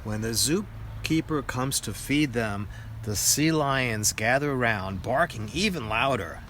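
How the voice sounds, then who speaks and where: An older man with a grandpa voice reads a children's picture book aloud in a deliberate storytelling manner. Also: mid-range voice, expressive, a bit bright, slight background noise.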